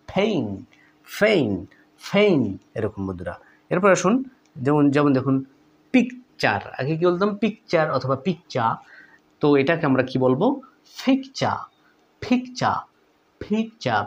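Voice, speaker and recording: A man with a Bangladeshi Bengali accent teaching English pronunciation, who repeats example words several times with stress and asks the viewer questions. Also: a little high. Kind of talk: lesson.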